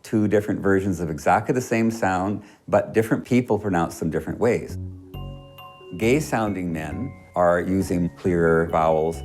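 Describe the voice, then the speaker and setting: Deep-voiced male speech researcher, exacting, acts out the sounds he explains. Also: darkish tone. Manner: precise, demonstrates sounds by example. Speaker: linguistics researcher. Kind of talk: interview explanation.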